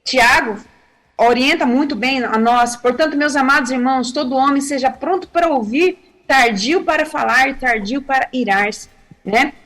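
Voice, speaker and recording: Woman, missionary, high voice, animated storyteller, TV studio talk. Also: normal speed. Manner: animated storytelling, acting out quotes, laughing. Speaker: missionary giving family advice on TV.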